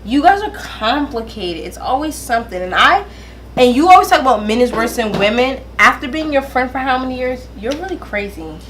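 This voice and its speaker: Giggly drunk woman, high bright sassy voice. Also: expressive, brisk, a little hiss or hum. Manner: sassy, teasing, emphatic. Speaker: vlog host. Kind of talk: casual banter while doing makeup.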